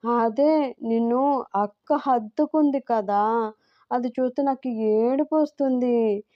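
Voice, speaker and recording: A woman's voice: a little high, lively intonation, normal speed, no room sound, dull audio, voice pushed up, natural voice. A woman voicing a naive, clingy young woman who pleads and whines tearfully in a storybook reading. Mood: tearful, pleading.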